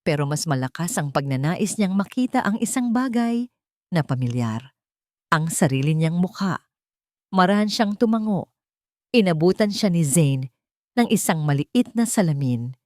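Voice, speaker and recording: A woman with a Filipino accent narrates a scripted dramatic story as an audiobook reader. Her low-pitched voice has a dark tone, recorded with studio quality and no room sound.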